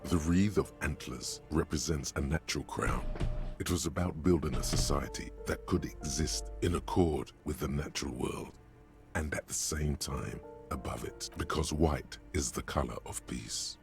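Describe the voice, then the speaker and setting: An actor voicing an all-knowing male narrator in a game, speaking in a grave, measured way. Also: very deep voice, gravelly. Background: game music.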